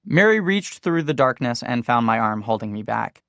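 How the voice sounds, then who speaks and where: Gravelly male audiobook narrator. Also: mid-range voice, moderate pace, a bit bright, no echo, studio quality. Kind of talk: first-person audiobook narration.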